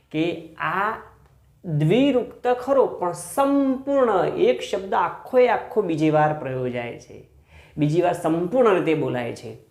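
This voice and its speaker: A male school teacher gives a grammar lesson in an echoey room, his voice on the high side with a darkish tone. He addresses his listeners as friends, answers his own questions, and draws out key words.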